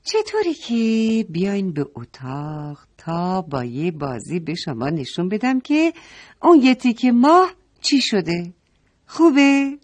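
A woman's voice: lowish voice, big pitch swings, hardly any pauses, warm tone. A woman voicing a kind mother who patiently explains things to children in a story. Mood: gentle teaching. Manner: patient, explaining, asking questions.

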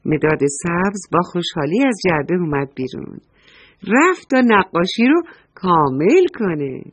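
A woman's voice: on the low side, very animated, no echo. A woman reading a story aloud to young children, talking to them fondly and asking them questions. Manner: affectionate, asks the children questions.

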